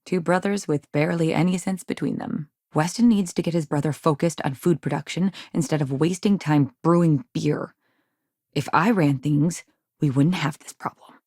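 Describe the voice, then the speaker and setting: This is video game acting: the ambitious frontier businessman's wife speaks at a moderate pace in a low, slightly mellow voice edged with gravelly creak. Polished and earnest, she's clearly exasperated at being held back, captured in a close, dry recording without echo.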